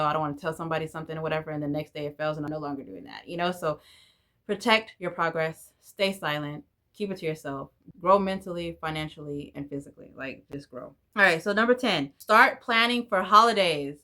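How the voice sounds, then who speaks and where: Speaking low-pitched with a bright, forceful edge, a woman in her forties chats to camera. She's a native Spanish speaker, and her vlog is candid and wandering.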